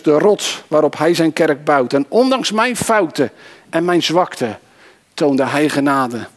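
A preacher doing a remorseful apostle confessing his failure in the first person, in a sermon monologue. His voice sits a little high for a man. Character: remorseful male apostle, adult, once impetuous.

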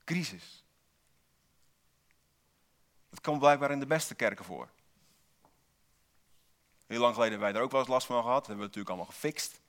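A man's voice: medium pitch, brisk, long pauses, fairly bright tone. A man preaching a sermon in a church, posing rhetorical questions and repeating single key words for emphasis, with dry asides to the congregation.

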